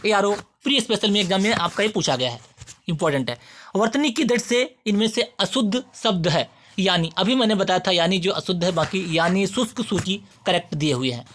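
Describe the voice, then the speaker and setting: A teacher running an exam-prep spelling lesson, with a voice that sits at an ordinary middle pitch. The teacher speaks straight to the students, drilling each answer and saying every word again and again while explaining it. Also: fairly bright tone.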